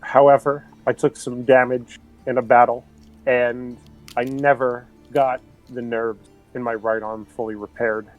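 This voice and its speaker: A man's voice: mid-range voice, flat delivery, a little slow, soft background music, close to an everyday voice, poor audio. A man voicing a polite former starfighter pilot in a tabletop game. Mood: regretful. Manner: polite, addresses listener as sir.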